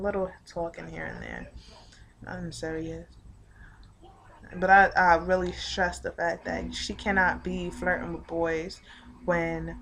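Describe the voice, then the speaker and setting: Young woman ranting about her day. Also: on the low side. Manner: profane, animated, swings between loud outbursts and quiet muttering. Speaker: vlogger. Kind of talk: casual storytelling rant.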